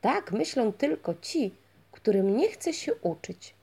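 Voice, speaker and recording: A woman voicing a wise, kindly old wizard who speaks gently and patiently, in a storybook reading. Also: a little high, very animated, slow, creaky, husky, exaggerated voice.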